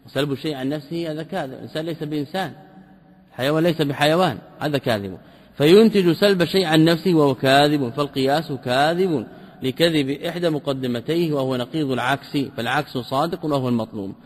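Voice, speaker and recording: A man teaching a lesson, reading a classical text passage by passage and explaining it, asking rhetorical questions and repeating key terms slowly. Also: fairly high pitch, in a large hall. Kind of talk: line-by-line commentary lesson.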